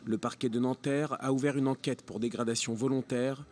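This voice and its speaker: A man's voice: mid-range voice, fairly even intonation, fairly quick, darkish tone. A man with a middle-register voice narrates a scripted news report. He speaks as a reporter delivering a prepared package.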